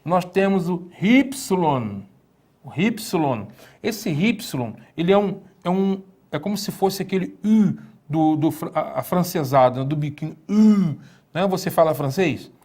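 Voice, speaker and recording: A man teaching a video lesson, talking slowly and repeating words so the viewer can drill them. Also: on the high side, expressive, darkish tone. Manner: slow, repetitive, drills words aloud. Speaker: Greek teacher. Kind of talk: classroom-style video lesson. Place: room with a whiteboard.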